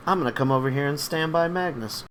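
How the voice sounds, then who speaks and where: A man's voice: on the high side, fast, a bit bright. Casual male tabletop player, faint hiss. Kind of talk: playing a tabletop game online.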